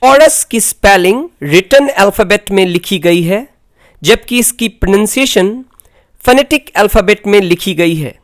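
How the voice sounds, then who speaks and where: A woman with an Indian accent narrating a scripted lesson, explaining slowly and deliberately. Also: mid-range voice, animated. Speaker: English teacher.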